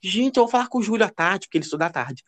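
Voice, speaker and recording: A man co-hosting a podcast, telling gossipy stories in a casual, animated way. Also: rapid-fire. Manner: expressive, lively pitch. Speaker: podcast co-host. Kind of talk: casual chat.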